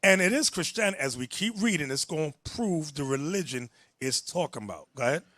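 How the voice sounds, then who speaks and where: A man's voice: fairly high pitch, lively intonation, brisk, a bit bright, no room sound, clean studio sound. A man preaching and teaching from the Bible, emphatic and direct, telling a reader when to go on.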